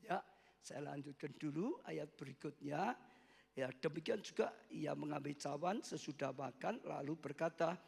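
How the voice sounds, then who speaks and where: A man preaches a passionate sermon, his voice pitched high and roughened with a gravelly, husky edge. He swells often into loud cries toward the congregation. The long reverb of a church hall trails behind every phrase. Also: moderate pace. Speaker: pastor. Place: church worship service.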